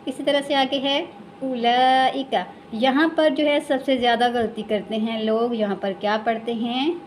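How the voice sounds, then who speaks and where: A woman with an Urdu accent teaching Quran recitation in a lesson, explaining patiently and repeating each word slowly and drawn out. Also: a little high, steady tone, a little hiss or hum. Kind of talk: slow step-by-step recitation lesson.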